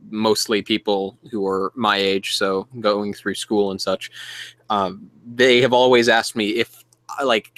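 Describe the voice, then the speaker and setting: A man hosting a podcast, chatting casually with formal, big-word diction and halting restarts. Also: on the low side, a bit bright, dry recording. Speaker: podcast host.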